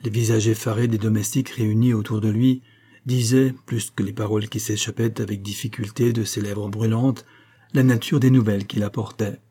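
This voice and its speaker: Low, husky male audiobook narrator. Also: little pitch movement, fairly quick, dark tone. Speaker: audiobook reader. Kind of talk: narration of a classic novel.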